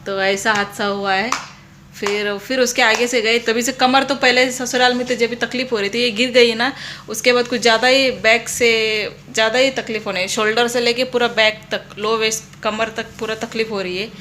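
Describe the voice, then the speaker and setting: A woman's voice: a little high, steady tone, moderate pace, fairly bright tone, slight background noise. A young woman with a Rajasthani Hindi accent, vlogging at home and chatting casually to the camera. She tells a story at length with many restarts, and she has back pain.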